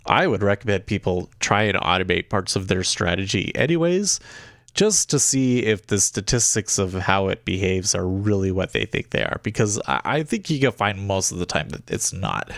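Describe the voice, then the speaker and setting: Congested and stuffy-nosed following nose surgery, a day trading livestream host sounds ill as he talks informally with his audience. He speaks expressively at a moderate pace in a fairly low voice, and the recording is clean, dry studio sound.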